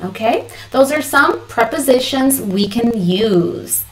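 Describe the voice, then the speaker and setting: A woman teaching a bilingual English workshop, repeating words slowly for learners to echo. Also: a little high, animated. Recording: roomy echo.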